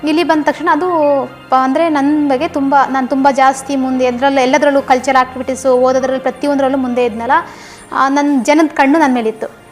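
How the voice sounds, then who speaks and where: Quick high-voiced woman telling her story. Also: flat delivery, soft background music. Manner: fast, earnest storytelling with repetitions. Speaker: guest giving a testimony. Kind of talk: personal testimony interview.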